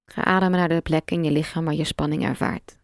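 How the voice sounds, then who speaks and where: A woman guiding a relaxation meditation, giving slow, calm, soft instructions with long pauses. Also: sits low, dry recording, clean studio sound. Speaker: meditation guide.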